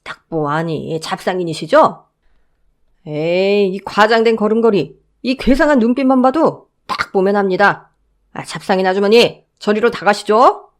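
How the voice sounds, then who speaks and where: A woman's voice: mid-range voice, lively intonation, moderate pace, close to an everyday voice. A woman voicing a blunt male security guard who mocks and dismisses an intruder. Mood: mocking. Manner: dismissive, gruff, sarcastic.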